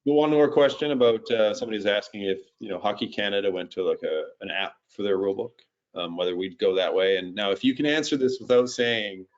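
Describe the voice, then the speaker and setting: A man with a lowish voice co-hosts a webinar and keeps slipping in dry jokes. The audio is dull and lo-fi, like a video call. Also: brisk. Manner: joking, wry asides. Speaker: co-host. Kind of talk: casual webinar chat.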